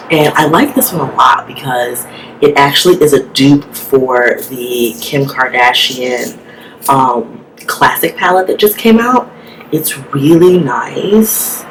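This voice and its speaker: A woman beauty vlogger chats her way through a makeup tutorial in a casual manner, filling her speech with frequent "like"s. Her voice is extremely low and her pace measured. The recording is rough, with a steady background hiss.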